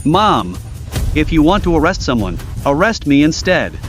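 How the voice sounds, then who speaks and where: An actor playing a scheming, self-pitying young villain in overacted dubbed melodrama. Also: male voice, fairly high pitch, very animated, normal speed. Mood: feigned innocence. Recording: music behind the voice.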